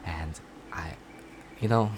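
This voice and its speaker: A man chatting casually in a video diary about his voice acting classes, rambling and halting, often poking fun at himself. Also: deep voice, a little hiss or hum. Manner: self-deprecating. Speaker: voice acting student vlogger.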